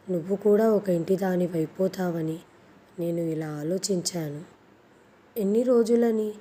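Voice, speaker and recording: A woman's voice: lowish voice, mellow, a little hiss or hum, natural voice. A woman reading the lines of a worried mother earnestly explaining herself to her daughter.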